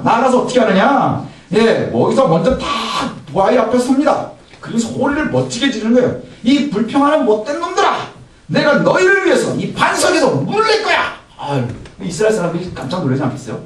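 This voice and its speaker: Animated male pastor in a booming hall. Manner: animated, acts out quotes with a raised voice; poses rhetorical questions to the congregation. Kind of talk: Sunday morning sermon. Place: church sanctuary. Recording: echoey hall from far off, faint noise.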